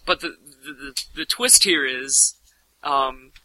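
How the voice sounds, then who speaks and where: A man chatting casually on a podcast, halting with many fillers. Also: medium pitch, sharp tone, low-quality recording. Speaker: podcast co-host. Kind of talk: casual chat.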